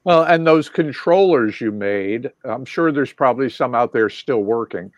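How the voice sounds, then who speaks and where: A man's voice: mid-range voice, expressive, moderate pace, no echo, dull audio. A male guest lighting designer recalling old projects in a rambling, casual way, full of fillers and restarts. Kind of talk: casual recollection.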